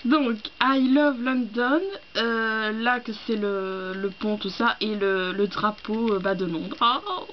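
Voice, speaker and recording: A young woman from France chatting casually as she unboxes gifts, gushing and excitable, with many hesitations and fillers. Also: medium pitch, slow pace. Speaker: book vlogger. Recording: dull lo-fi home recording with faint hiss.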